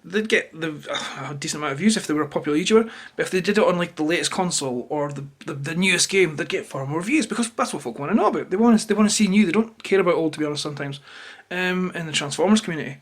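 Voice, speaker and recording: A Scottish man talks straight to camera in a notably high voice for a male speaker. He rambles through an unplanned, opinionated rant, sounding irritated and swearing freely as he goes. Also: animated, rapid-fire, few pauses. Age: adult, parent of a toddler. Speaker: YouTuber. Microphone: camera held or placed close to him.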